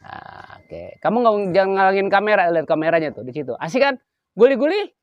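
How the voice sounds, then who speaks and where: A man's voice: on the high side, expressive, fast talker, clean tone, dull audio. An older man, hosting a casual cooking vlog and playfully coaxing his grandchild as he talks. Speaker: vlog host.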